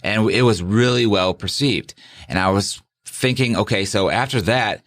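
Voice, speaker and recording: A man's voice: fairly low pitch, moderate pace, fairly bright tone, no room sound. A middle-aged man telling a story in a casual interview, rambling and often restarting his sentences. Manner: rambling, with many restarts and self-corrections. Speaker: guest, sheriff candidate.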